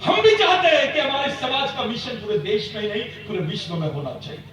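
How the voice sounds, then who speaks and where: Heavily echoing distant recording, loud noise, man, booming rousing speech, exhortatory. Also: wildly swooping pitch, a little fast. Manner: emphatic, exhortatory, repetitive phrasing, rhetorical questions. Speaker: activist leader addressing a community convention. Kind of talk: booming, rousing political-style speech to a gathering.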